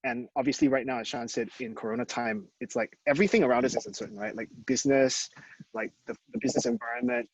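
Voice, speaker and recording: Husky-voiced man on a muffled call. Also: mid-range voice, expressive, fast, dry recording. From Singapore. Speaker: guest speaker, professor. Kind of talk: presentation over video call. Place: outdoor deck in rural countryside. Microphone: video call. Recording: dull, dry call audio.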